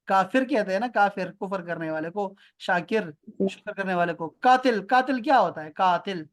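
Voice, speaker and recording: Man, Pakistani Urdu accent, online Arabic teacher on a video call; patient, repeats slowly, quizzes students. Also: sits high. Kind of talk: online class lesson. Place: home near an airport.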